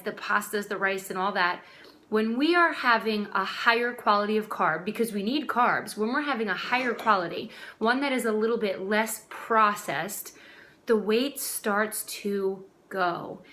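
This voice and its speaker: A woman's voice: medium pitch, pushed and bright. A woman in her twenties, a health coach, talking casually and directly to viewers from her dining room. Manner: chatty, direct, addresses viewers as guys. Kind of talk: casual vlog talk.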